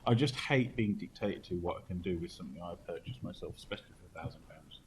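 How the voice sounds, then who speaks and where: A man's voice: low-pitched, fast, noisy background. A man co-hosting a casual podcast chat with a wry, sarcastic manner. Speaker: podcast co-host.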